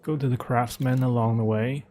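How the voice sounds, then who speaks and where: A man's voice: mid-range voice, steady tone, moderate pace, a little mellow. A man streaming a video game, talking himself through his choices in a casual, thinking-aloud commentary.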